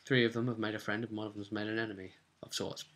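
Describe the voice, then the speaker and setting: A British game master recaps a tabletop role-playing session in a chatty, rambling way, tossing in wry asides and loosely acted-out quotes. His voice is fairly low and a bit bright, with flat delivery and a quick pace.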